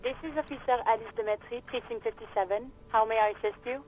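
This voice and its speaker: Brisk dispatcher over a police radio. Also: female voice, on the high side. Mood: courteous. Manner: brisk, polite and formal. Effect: heard over a police radio line. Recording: dull, muffled radio line with faint hiss.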